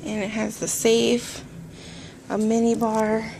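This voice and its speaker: A woman's voice: fairly high pitch, completely flat delivery, vocal fry, noisy background. A woman giving an easygoing walkthrough of a hotel room, filming on a handheld phone indoors. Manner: slow, easygoing pointing-out of things. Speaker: vlogger giving a hotel tour. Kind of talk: casual walkthrough narration. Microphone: handheld phone camera.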